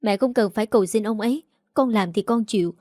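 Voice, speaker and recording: A woman voicing a headstrong, outspoken young daughter who talks quickly and heatedly. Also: mid-range voice, dark tone, dry recording, studio quality, natural voice. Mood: heated defiant.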